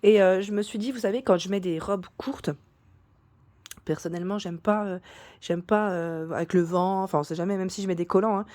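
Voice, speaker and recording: A woman's voice: mid-range voice, fairly even intonation, brisk, darkish tone, no echo. Chatty woman with a cracking voice. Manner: chatty, many fillers and restarts. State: voice cracking, hoarse at times. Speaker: YouTube vlogger. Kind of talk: casual shopping haul talk to camera.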